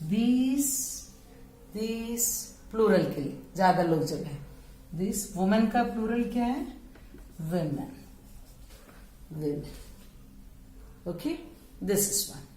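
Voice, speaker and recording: Slow Indian woman teaching pronunciation. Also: mid-range voice, lively intonation, warm tone, echoey room, slight background noise, low-quality recording. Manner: slow, careful pronunciation drills, mixing Hindi and English. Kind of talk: spoken English lesson for children.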